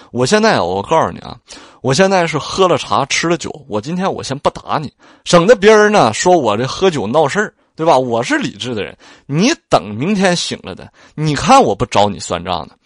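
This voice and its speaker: A man voicing a sharp-tongued, jealous, tipsy mistress who scolds and threatens a maid, in an audiobook reading. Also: fairly high pitch, big pitch swings, a little fast, no room sound, clean studio sound. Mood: angry scolding.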